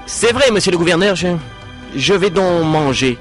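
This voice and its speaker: A man's voice: sits high, lively intonation, normal speed, pitched above the performer's own voice. A man voicing a timid young man who speaks hesitantly and stammers, with music behind.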